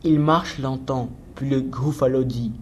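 A man narrating a children's story in rhymed verse, reading clearly and rhythmically. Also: medium pitch, fairly even intonation, unhurried, a little hiss or hum.

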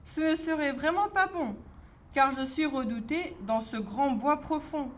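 A woman doing a sly little mouse, high and bright. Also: a little slow, slight background noise. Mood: boastful. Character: small clever boastful female mouse.

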